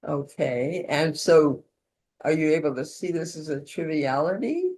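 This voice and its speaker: A low, darkish-toned woman speaks a little slowly but with animation. As leader of a relaxed, conversational teaching session, she role-plays support calls to model peer support.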